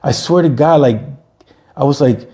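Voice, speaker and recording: In a mellow mid-range voice at normal speed, a man in his forties hosting a podcast delivers a casual, earnest pep talk, circling back to the same points repeatedly.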